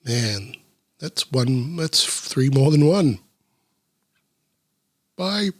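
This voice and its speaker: A man reading a children's book aloud, breaking off for deadpan, sarcastic and sweary asides. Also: mid-range voice, extremely slow, no echo, studio quality.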